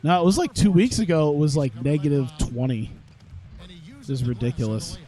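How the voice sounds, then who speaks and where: A gaming YouTuber chats casually at his computer in a room at home, rambling through gameplay commentary with plenty of fillers. His voice is a little high, dark in tone and very animated, moving a little fast, and he sounds stuffed up from his sinuses.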